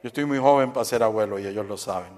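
A man's voice: lowish voice, rapid-fire, a little mellow. A middle-aged man preaching a humorous sermon at a church service, telling jokes and quizzing the congregation. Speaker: pastor.

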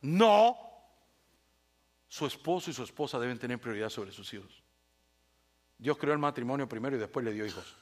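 A man preaching a sermon as pastor, swinging between loud bursts and hushed asides, with playful humor. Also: medium pitch, expressive, normal speed, long pauses.

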